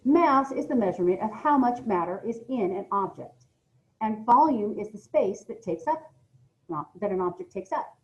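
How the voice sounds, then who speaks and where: An American woman, a middle school science teacher, reads a lesson aloud and explains things straight to her students, dropping in casual asides. Her medium-pitched voice is expressive and moves at a normal speed, though the recording sounds muffled.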